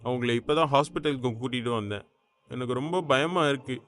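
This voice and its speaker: A man's voice: medium pitch, brisk, fairly bright tone, natural voice. A man voicing a frightened younger brother. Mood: scared. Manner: shaken, pleading. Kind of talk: audiobook character voice.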